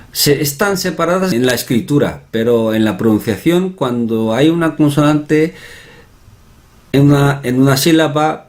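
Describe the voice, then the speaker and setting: A man with a medium-pitched, darkish voice teaches an online language lesson. He explains patiently, repeats example words several times and drifts into chatty asides, often asking "¿no?".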